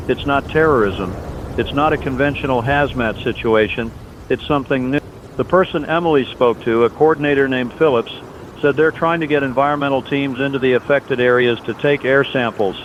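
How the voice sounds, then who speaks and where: In a scripted disaster drama, a man plays an earnest, steadfast late-night radio host delivering an emergency broadcast monologue in solemn, reassuring, deliberate phrases. His voice sounds natural, and the lo-fi audio is dull, with a loud outdoor rumble.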